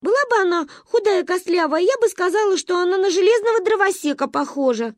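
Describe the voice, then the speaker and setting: A woman voicing a cheeky, quick-witted little girl with a high squealing voice. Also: expressive, no echo, studio quality. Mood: indignant. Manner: squealing, indignant. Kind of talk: audiobook character voice.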